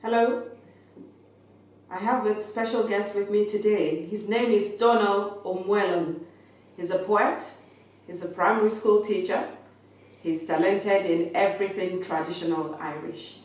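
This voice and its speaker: A woman hosts an interview in a soft-edged, mellow voice of medium pitch. Her conversational questions come from a little way off the mic, with heavy room echo around them. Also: steady tone, a little slow. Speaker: interview show host. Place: reverberant room, away from the mic. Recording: echoey room, distant from the mic.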